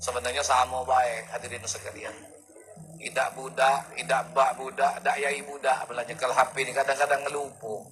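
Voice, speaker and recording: A man's voice: mid-range voice, level tone, moderate pace, fairly bright tone, soft background music, low-quality recording. A male preacher, giving a humorous sermon full of stories and acted-out quotes. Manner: jokey storytelling with acted-out quotes.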